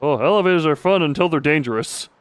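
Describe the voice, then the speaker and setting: A man with a fairly high, expressive voice talks fast, recorded with no room sound. As a live streamer, he rambles playfully through casual gameplay commentary, breaking out into exclamations and silly sound effects.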